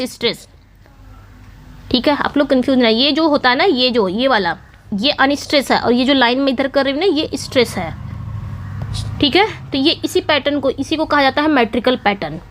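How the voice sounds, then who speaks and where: High-voiced woman teaching poetry meter. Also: fairly bright tone. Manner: patient, repetitive, checks in with "thik hai". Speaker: English teacher. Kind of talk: explaining poetry meter in a class video.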